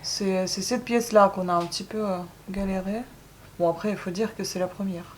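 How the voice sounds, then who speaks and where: A woman's voice: mid-range voice, steady tone, fairly quick, a little hiss or hum. A woman vlogging casually while building a craft, joking and grumbling with lots of asides. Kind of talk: casual chat vlog.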